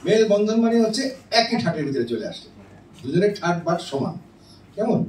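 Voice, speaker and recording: A man's voice: high-pitched, very animated, brisk, darkish tone. A middle-aged man, a professor, giving an explanatory classroom lecture on music theory and checking in with his listeners often. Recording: roomy and distant with faint noise.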